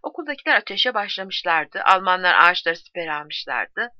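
A woman narrating a war story in a grave, measured reading voice. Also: lowish voice, very animated, no room sound. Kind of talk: audiobook narration. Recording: dry dull audiobook recording.

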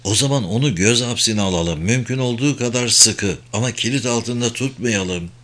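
A man's voice: medium pitch, normal speed, fairly bright tone, natural voice. A man voicing an agitated male agent in an urgent, clipped way while reading a novel.

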